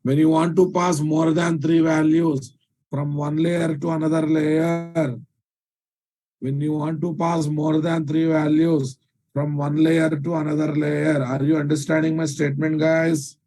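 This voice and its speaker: Mellow-voiced Telugu Indian man teaching. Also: a little high, little pitch movement, measured pace. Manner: repeats phrases for emphasis, checks understanding with questions. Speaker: programming teacher. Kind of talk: live technical lecture.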